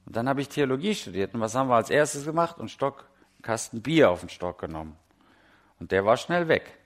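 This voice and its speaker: A middle-aged man from Germany preaching a sermon, telling stories with lively swings between loud and hushed delivery. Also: mid-range voice. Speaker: pastor.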